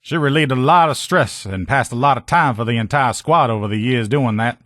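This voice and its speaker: A man delivers video game character dialogue as a loyal, cheerful lieutenant who fixes armor, talking in an informal, self-assured, folksy soldier style with a conversational mood. His natural, medium-pitched voice is brisk and fairly bright. The recording is dry, with no room sound.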